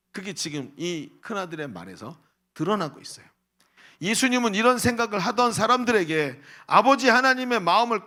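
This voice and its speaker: A middle-aged male senior pastor preaching a lively sermon to a youth service, often asking the congregation questions and acting out the voices he quotes. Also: high-pitched.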